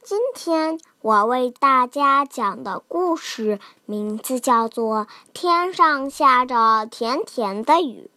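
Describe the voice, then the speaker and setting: A woman telling a bedtime story for small children, gentle and sing-song. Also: high voice, lively intonation, slow, few pauses, no room sound.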